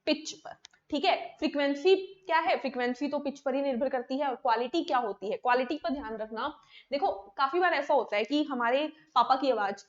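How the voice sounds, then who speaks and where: A woman's voice: sits high, brisk, lo-fi sound. A woman science teacher giving an exam-prep lesson, who asks questions and answers them herself and keeps checking that her students follow. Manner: explains by asking and answering her own questions, with frequent tag checks.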